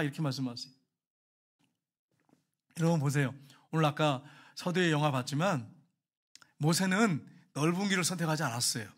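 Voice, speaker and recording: Man, pastor, sermon, high voice, emphatic, rises and drops in volume, asks the congregation questions. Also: fairly bright tone. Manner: emphatic preaching, rising and falling in volume; addresses the congregation directly with questions.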